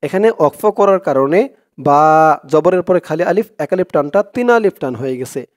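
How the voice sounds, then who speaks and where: High-voiced man teaching Quran reading. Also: animated, no echo, studio quality. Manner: explains spelling rules, then chants verses slowly and drawn out. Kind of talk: step-by-step recitation lesson.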